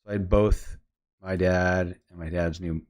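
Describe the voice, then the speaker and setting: Low-voiced man rambling through a story. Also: steady tone, measured pace, darkish tone. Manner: rambling, retells conversations with quoted voices; thinks aloud about editing steps. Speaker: photographer editing his images. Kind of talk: casual storytelling while working.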